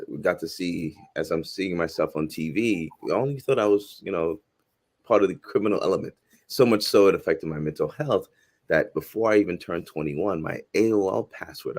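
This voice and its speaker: A man in his forties, originally from Haiti, speaks in a very low voice. He talks earnestly and thoughtfully as an interview guest, often starting a phrase over before finishing it. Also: darkish tone. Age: 40s. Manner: earnest, reflective, frequent restarts. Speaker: guest filmmaker and professor. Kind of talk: casual interview conversation.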